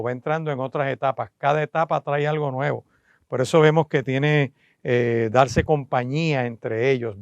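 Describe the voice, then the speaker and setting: A man's voice: medium pitch, no room sound. A man, a pastor preaching on the radio, teaching earnestly and addressing listeners directly, with frequent "eh" fillers. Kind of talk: radio sermon.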